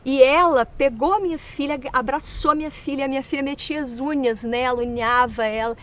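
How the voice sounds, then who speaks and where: A woman with a high, bright-toned voice gives a church testimony in a sit-down interview. She tells her story vividly and slips into the voices of the people in it. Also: fairly quick. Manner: vivid storytelling, acting out quoted speech. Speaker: church member giving a testimony; mother.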